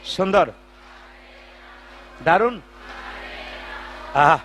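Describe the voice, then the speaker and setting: A man preaching at a devotional gathering, telling stories and urging the crowd to chant along louder. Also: high voice, lively intonation, extremely slow, a little hiss or hum. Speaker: kirtan singer and preacher. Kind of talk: devotional sermon and call-and-response chanting. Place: large gathering with live audience.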